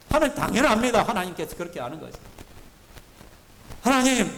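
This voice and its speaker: A man with a Gyeongsang accent preaching a sermon, animated and rhetorical, often asking the congregation to agree. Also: high voice. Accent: Gyeongsang Korean. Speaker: pastor. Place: church sanctuary. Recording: reverberant church hall.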